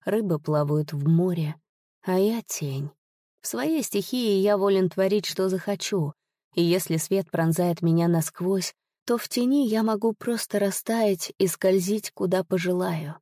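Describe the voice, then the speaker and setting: A woman narrating an audiobook in an expressive, measured storytelling manner. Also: fairly low pitch, no echo, studio quality. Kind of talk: audiobook reading.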